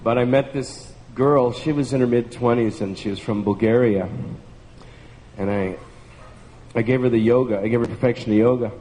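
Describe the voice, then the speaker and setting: In a large room full of people, a man in a group tells an enthusiastic personal story, laughing between phrases. His voice is medium-pitched and mellow at a normal speed, and the recording sounds distant and echoey, like a hall, with faint hiss.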